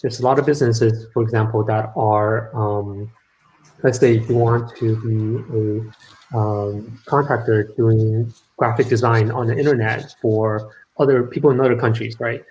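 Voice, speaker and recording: Poor audio carries a medium-pitched, somewhat mellow voice that stays steady and measured. The speaker, a startup founder originally from Los Angeles, California, is a guest in a relaxed live online conversation and says um a lot as he explains.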